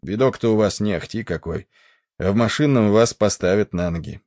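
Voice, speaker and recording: A man voicing a big, coarse, angry ship's stoker with a rough, defiant, scornful manner, in an audiobook. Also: on the low side, fairly quick, a little mellow, dry recording, clean studio sound, close to an everyday voice. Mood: gruff.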